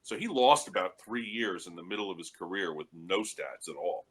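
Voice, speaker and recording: A man's voice: low-pitched, expressive, moderate pace, slightly rough. A man on a panel, telling anecdotes in a casual discussion and chuckling as he goes. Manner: storytelling with chuckles. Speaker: panel guest.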